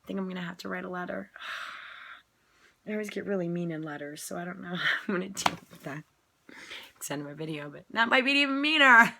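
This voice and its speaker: A sick woman, coughing, talks casually to the camera in a video diary about her tiring day as a parent. Her voice is lowish and brisk with vocal fry, and she sounds tired and frank as she acts out what people said to her. It's a phone or webcam recording with background noise.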